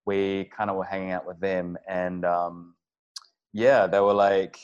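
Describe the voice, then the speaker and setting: Lower-voiced man rambling through a story. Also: little pitch movement, unhurried, a little mellow, clean tone. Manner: rambling, many fillers and restarts. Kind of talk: casual storytelling. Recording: dull lo-fi audio.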